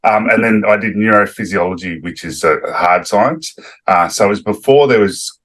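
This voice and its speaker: A middle-aged man, a neuroscientist guest, explaining in a relaxed, rambling way with many fillers. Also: on the low side, moderate pace, rough recording. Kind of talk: interview explanation.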